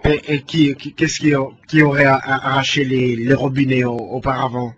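A man's voice: medium pitch, flat delivery, moderate pace. A man presenting the radio news, reading formally and then questioning a correspondent, stumbling a little in live questions. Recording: dull lo-fi broadcast with faint noise.

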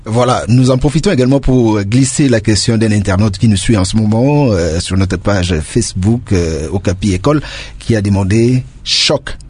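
Husky, dark-voiced male host. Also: lowish voice, normal speed. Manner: hesitant, frequent fillers between phrases. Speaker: broadcast host. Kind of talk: hosting an educational broadcast.

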